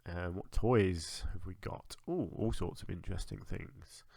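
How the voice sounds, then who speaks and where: A man's voice: low voice, unhurried, vocal fry, dark tone, no echo. A man with a blocked, congested nose, chatting casually to himself as he builds in a game. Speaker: gaming video host. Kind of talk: casual gameplay commentary.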